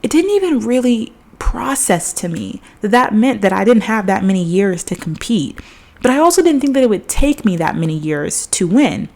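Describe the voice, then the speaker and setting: A woman's voice: mid-range voice, sing-song, normal speed, a little mellow. A young woman hosting her own podcast, telling a personal story in a chatty, reflective way, with lots of "like". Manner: chatty, reflective, heavy use of "like". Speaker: podcast host. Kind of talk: casual solo podcast storytelling.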